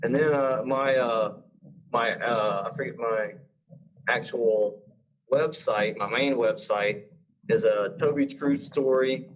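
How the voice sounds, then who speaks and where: A man's voice: medium pitch, takes it slowly, dull audio. A man from Mississippi, an author guest, speaking casually and hesitantly, with many uh's. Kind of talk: casual podcast interview.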